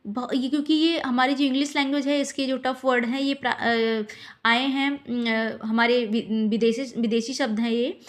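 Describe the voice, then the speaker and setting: A woman teaching difficult English words to exam students, patiently repeating each word and its meaning and spelling it out letter by letter, with frequent pauses and fillers. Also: high voice, fairly even intonation. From India.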